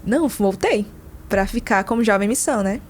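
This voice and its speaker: Woman guest, lively storyteller who quotes people as she goes. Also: medium pitch, normal speed, slight background noise. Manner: animated, acts out dialogue in her stories. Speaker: podcast guest. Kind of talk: personal storytelling in casual conversation.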